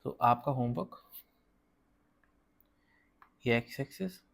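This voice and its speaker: A man's voice: medium pitch, creaky, a bit bright. A man teaching a casual whiteboard math lesson, explaining step by step and often checking that viewers follow. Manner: counts slowly while drawing.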